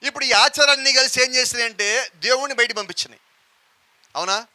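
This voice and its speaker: A man preaching a sermon in a bright, piercing, high voice. He keeps asking the congregation questions and urging them to answer out loud. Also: brisk. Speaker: pastor.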